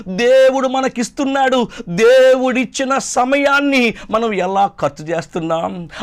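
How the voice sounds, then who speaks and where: A man from Krishna district preaching a sermon to youth, exhorting with repeated phrases and rising to loud quoted cries. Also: high voice. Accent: Telugu, Krishna district. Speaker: pastor.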